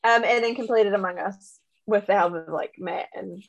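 A woman's voice: medium pitch, normal speed, gravelly, no room sound, muffled recording. A woman in a casual gaming chat as one of a podcast panel.

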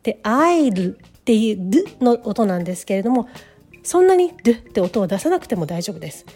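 A woman's voice: mid-range voice, big pitch swings, brisk, warm tone, husky. A woman teaching English pronunciation, patiently demonstrating each sound step by step, with faint music behind her.

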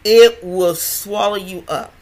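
A mid-range voice takes it slowly in a casual health podcast monologue. The older host stutters and chats in a rambling way, restarting and repeating words often.

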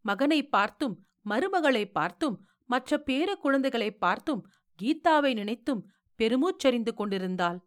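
High-voiced woman reading a story. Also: lively intonation, normal speed.

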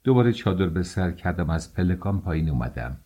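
A man reading a novel aloud as an audiobook, telling the story in a measured first-person voice. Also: low-pitched, very animated, dark tone, lo-fi sound. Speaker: audiobook narrator.

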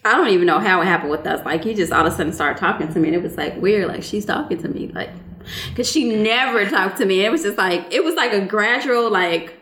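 A woman's voice: mid-range voice, animated, quick pace, a bit bright. A young adult woman co-hosting a podcast, chatting casually and retelling stories with dramatic, teasing flair. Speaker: podcast co-host. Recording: roomy echo.

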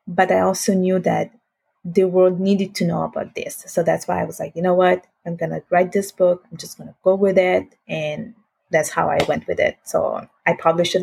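A woman's voice: lowish voice, creaky, a little mellow, slightly rough. A young woman from Italy, a guest author speaking in a casual interview, hesitant and full of fillers and restarts.

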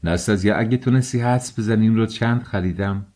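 A man's voice: lowish voice, warm tone, lightly acted. A man reading the lines of an eager, talkative young friend who fusses over a sick companion in an audiobook. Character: cheerful fussing young male friend.

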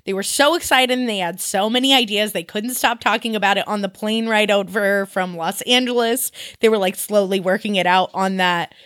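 A woman co-hosting a music podcast in casual chat, animated and quick to laugh. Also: medium pitch, no echo, clean studio sound. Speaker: podcast co-host.

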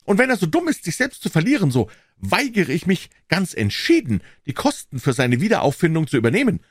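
A man voicing a quarrelsome, stingy old nobleman in an audiobook, with a whining yet sharp, insistent voice. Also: fairly high pitch, wildly swooping pitch, a little fast, breathy edge, no room sound, studio quality, pitched above the performer's own voice, full character voice. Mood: indignant, stingy. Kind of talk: audiobook character voice.

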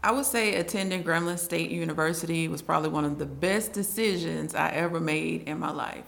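A woman in her thirties from Arkansas, a guest in a casual interview, telling her story calmly and plainly. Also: low-pitched, a little fast, creaky. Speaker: guest, entrepreneur.

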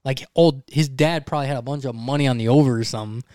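Animated swearing man telling a story. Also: mid-range voice, fast, no room sound, studio quality. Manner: animated, swears freely, acts out voices in his story. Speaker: podcast co-host. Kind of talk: casual podcast storytelling.

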